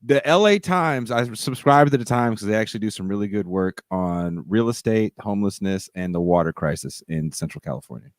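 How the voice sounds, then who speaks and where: A man's voice: lowish voice, lively intonation, fairly quick, hardly any pauses, no echo, clean studio sound. A man talking brashly in casual podcast chat, joking and swearing freely. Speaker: guest.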